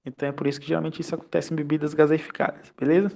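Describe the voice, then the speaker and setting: A Brazilian man teaching a chemistry class online, explaining step by step with rhetorical questions and quick checks for understanding. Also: a little high, flat delivery, vocal fry, a little mellow. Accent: Brazilian Portuguese. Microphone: computer mic on a video call.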